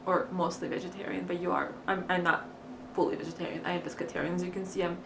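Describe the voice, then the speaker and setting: A young woman vlogger from Crimea, Ukraine, a native Russian speaker, chats casually while eating, full of fillers and giggles. Her voice is on the low side with vocal fry, a level tone, and fast delivery. The recording has hiss, an echoey room, and a distant mic.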